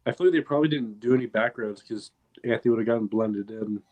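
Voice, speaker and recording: A man's voice: fairly low pitch, fast, darkish tone, highs cut off. Man recalling details on a podcast. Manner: thoughtful, recalls details with hedging. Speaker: podcast co-host. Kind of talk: casual fan podcast chat.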